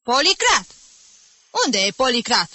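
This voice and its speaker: A woman's voice: expressive, dry recording. Woman voicing a shrieking irate bald music teacher. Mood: furious. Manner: shouting insults, shrill and explosive.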